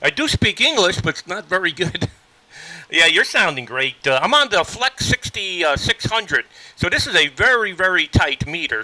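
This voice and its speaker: A man's voice: a little high, pushed and bright, no echo, low-quality recording. A man chatting on the air as an amateur radio operator, friendly and full of fillers. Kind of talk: casual radio chat. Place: remote ham radio station.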